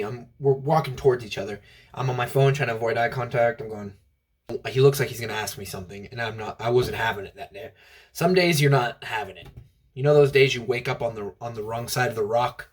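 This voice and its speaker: A young man telling offbeat, absurd stories in a rambling deadpan comedy monologue. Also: mid-range voice, husky.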